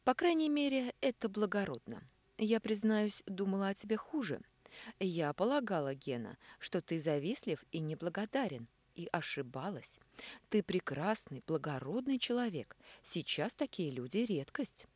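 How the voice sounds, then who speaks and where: A woman's voice: mid-range voice, very animated, moderate pace, a little mellow, dry recording, pitched above the performer's own voice, natural voice. A woman voicing a vengeful, scheming woman who taunts in a sugary, cold tone, reading an audiobook. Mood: taunting.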